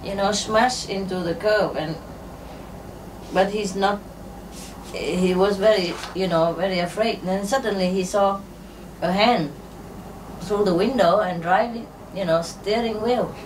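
A woman telling jokes and stories to an audience in a halting, unhurried way, with many fillers. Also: medium pitch. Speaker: spiritual teacher telling jokes. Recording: distant mic with faint ambient noise.

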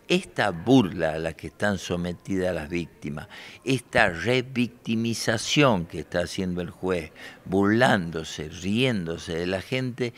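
A man in his forties from Argentina, a lawyer answering press questions in a combative, indignant way, with handheld reporter mics held close. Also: low voice. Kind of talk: press interview. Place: bright room by large windows.

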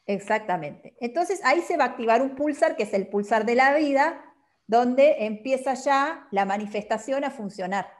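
The calendar system is explained by a woman guest teacher whose voice is fairly high and expressive, moving at normal speed. She is patient and often finishes a point with a questioning tag.

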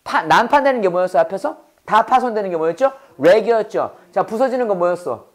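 A man's voice: sits high, animated. Man quizzing through a casual English lesson. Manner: quizzing, repeating questions and answering them himself; reads English phrases slowly and deliberately. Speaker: English teacher. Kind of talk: casual classroom lecture.

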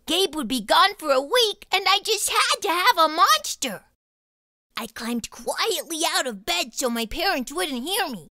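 Storytime host: bright, high-pitched woman reading a kids' book, lively and unhurried, dry close sound. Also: no room sound. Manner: animated, expressive reading. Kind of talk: children's storybook read-aloud.

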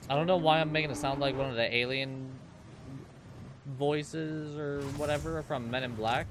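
A man's voice: fairly high pitch, fairly even intonation, moderate pace, noisy background. A man in his twenties rambling and joking with viewers as he comments on his own gameplay. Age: 20s. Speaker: let's play host.

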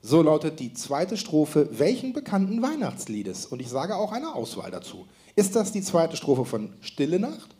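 A man's voice: on the high side, wildly swooping pitch, moderate pace, hardly any pauses, warm tone. A man hosting a live quiz show with playful, teasing game show host patter.

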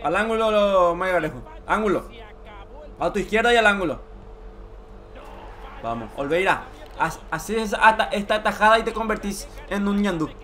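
A young man, giving excited, emotional commentary over a football video game he is playing. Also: sits high, normal speed, pauses often. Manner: emotional, shouts and groans at every play. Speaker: gaming YouTuber.

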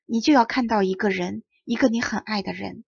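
A woman voicing a kind lady of the house who speaks gently, with a trembling voice. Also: medium pitch, brisk, vocal fry, slightly rough, no echo. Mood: tremulous. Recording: dull lo-fi audiobook recording.

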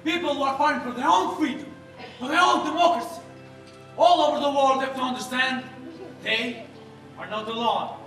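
A man's voice: very high voice, moderate pace, long pauses, faint music behind. A young man performing an earnest theatrical monologue on a large theater stage. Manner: earnest, declaiming, rising to shouts. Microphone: far stage mics. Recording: echoey theater from far off.

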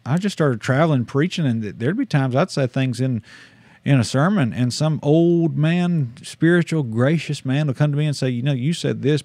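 His voice runs high yet slightly mellow, with no room sound, as this Southern-accented missionary preacher in his thirties holds a relaxed livestream sermon. Folksy and self-mocking, he frequently laughs at himself, speaking into a desk mic in a compact studio whose shelves glow purple.

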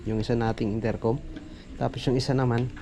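A man with a Filipino accent talks fast in a medium-pitched, flat voice while giving a casual, hands-on product demo as a reviewer, speaking informally to his viewers. It's a noisy amateur recording with background ambience.

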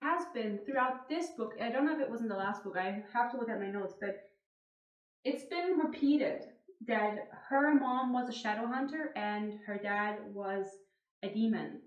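A woman's voice: on the high side, animated, moderate pace. A young woman giving a casual, blunt, exasperated book reaction vlog in a tiled bathroom, picked up from a little distance. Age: young adult. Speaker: book vlogger. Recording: roomy, distant, dull sound.

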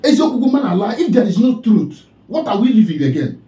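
A man's voice: high-pitched, very animated, fast, mellow, reverberant, low-quality recording. A man with a Nigerian accent delivering a preachy, scolding commentary, repeatedly calling out the person he addresses. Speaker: online commentator.

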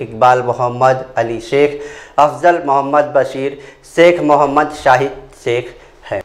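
A man reporting a local news story as a voice-over, in a steady reading manner. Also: mid-range voice.

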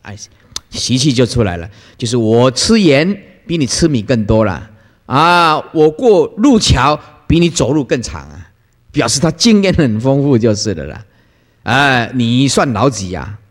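A man preaching as a Buddhist master, his voice swinging up and down as he acts out the people in his stories. He laughs now and then between points. His talk rings with the long echo of a big lecture hall. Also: a little slow. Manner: lively storytelling, acts out quoted people with playful pitch jumps and laughter. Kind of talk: sermon.

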